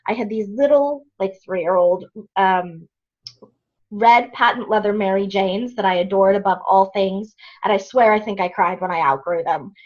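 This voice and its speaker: A woman's voice: medium pitch, normal speed. A woman telling a long personal story in casual chat on a group video call, full of fillers and asides. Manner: rambling storytelling with many fillers. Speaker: program participant. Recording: dull lo-fi video call audio.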